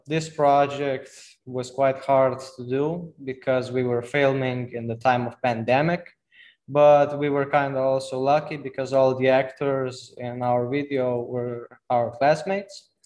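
Slow teenage boy with Slovenian accent. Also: medium pitch, a little mellow. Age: teens. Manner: slow, reading slides, small slips and self-corrections. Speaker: student presenter. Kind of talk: presentation on a video call. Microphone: video call.

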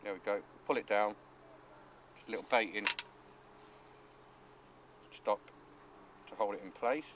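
A man in his thirties, an angling coach, explaining his rig and bait step by step in a relaxed, practical way, recorded outdoors by a lake. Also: on the low side, a little slow, pauses often, a little hiss or hum. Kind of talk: instructional fishing talk. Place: outdoors at a lakeside fishery.

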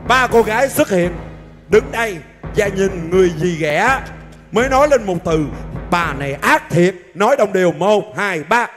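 A man hosting a live show, narrating a comic skit in a lively, hurried, joking way. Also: sits high. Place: outdoor traveling show stage. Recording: live stage with hall echo and loud music.

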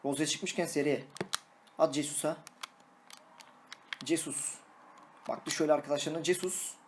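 A young man, a gaming YouTuber, giving excitable live commentary on his own match, shouting and singing at goals and teasing his opponent. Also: a little high, moderate pace, slight background noise.

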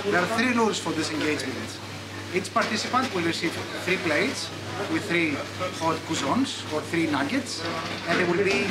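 Man, high voice, restaurant noise loud behind him, laying out rules. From Greece. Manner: explains rules step by step. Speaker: host. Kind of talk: casual presenting. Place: indoor restaurant.

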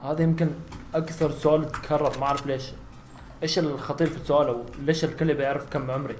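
A nineteen-year-old man from Saudi Arabia with a Saudi Arabic accent, chatting casually through gameplay and answering viewer questions, with sudden loud exclamations. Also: a little high, steady tone, very fast, roomy sound, slight background noise. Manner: chatty, bursts into loud exclamations during fights. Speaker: gaming YouTuber. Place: small room at home, seen on facecam.

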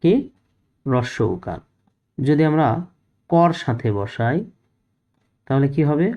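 A man's voice: medium pitch, takes it slowly, muffled recording. A man teaching a first-grade reading lesson, patiently asking questions and answering them himself.

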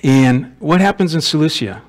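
A man's voice: a little high, lively intonation, moderate pace. Conversational male pastor preaching. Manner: conversational, asks rhetorical questions, repeats words. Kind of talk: sermon. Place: church sanctuary.

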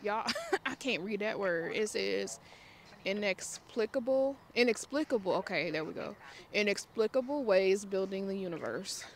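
A woman's voice: mid-range voice, animated, moderate pace, gravelly, slight background noise. A woman chatting informally to viewers as a paranormal vlogger, rambling and talking aloud to herself. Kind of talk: casual chat to viewers. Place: outdoors in a cemetery.

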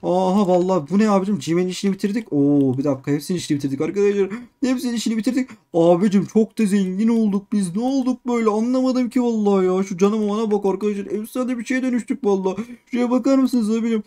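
A man giving excited let's-play commentary on a game, repeating phrases in quick bursts and constantly addressing his viewers. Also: high-pitched. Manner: excitable, keeps calling viewers "abicim" and "arkadaşlar". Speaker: gaming YouTuber.

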